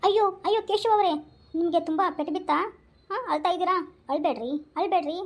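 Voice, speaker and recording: A woman's voice: very high-pitched, quick pace. A woman voicing a bold young village wife who scolds and wails. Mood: scolding. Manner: scolding, loud, dramatic wailing.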